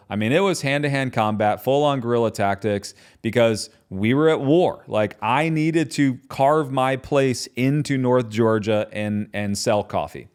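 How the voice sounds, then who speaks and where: A man hosting his own podcast, talking in a passionate, conversational way and often tagging his points with quick questions. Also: medium pitch, clean tone. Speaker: podcast host and business founder. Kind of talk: solo podcast talk.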